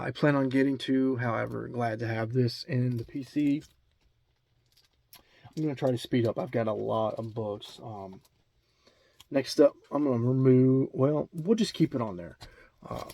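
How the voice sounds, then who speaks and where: A man's medium-pitched, somewhat mellow voice carries an Alabama accent as he talks casually over video about the comics he collects. He rambles, saying um a lot and often restarting.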